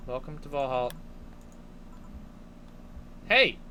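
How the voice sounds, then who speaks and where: A man's voice: mid-range voice, very animated, takes it slowly, bright, forceful tone, a little hiss or hum, full character voice. A man voicing an anxious, irritable young woman bartender in a game, with a stammering, dramatic delivery. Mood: hesitant. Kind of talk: hobby video game voice-over.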